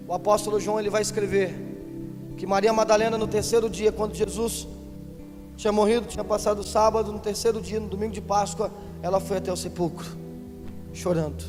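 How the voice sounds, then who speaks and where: A pastor preaching a sermon in church, moving from quiet teaching to impassioned shouting. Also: male voice, high-pitched. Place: large church. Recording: live church recording with long hall reverb and music.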